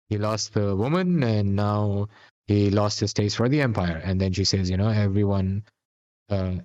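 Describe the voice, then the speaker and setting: A man's voice: fairly low pitch, a little mellow, clean tone, dull audio. A man co-hosting a podcast, recapping a TV episode in a rambling, casual chat full of fillers and restarts. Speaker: podcast co-host.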